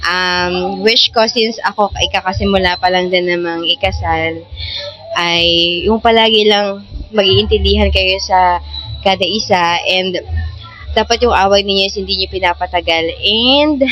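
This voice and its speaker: A woman's voice: medium pitch, fairly even intonation, normal speed, a bit bright, poor audio. Filipino woman, casual message over music. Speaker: wedding guest leaving a message.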